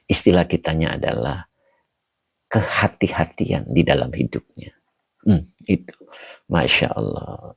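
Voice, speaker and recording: Deep gravelly male teacher. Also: a little mellow, no echo, dull audio. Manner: slow, explanatory, reads out chat greetings. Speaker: Islamic teacher. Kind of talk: online religious study session. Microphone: video call.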